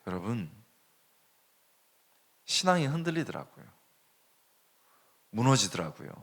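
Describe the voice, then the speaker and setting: A male pastor preaching a sermon, telling a story with animated swings between hushed and raised delivery. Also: medium pitch, measured pace. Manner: animated storytelling, dropping to a hush and rising sharply.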